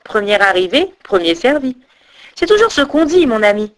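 A woman's voice: fairly high pitch, big pitch swings, normal speed. A woman voicing a greedy, boastful female crane who taunts her companion in a sing-song way. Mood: mocking.

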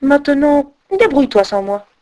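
A woman's voice: high-pitched, very animated, normal speed, voice pushed up. A woman voicing a small, hungry male water rail bird who has been left out by his companion. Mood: stern. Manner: eager then quietly stern.

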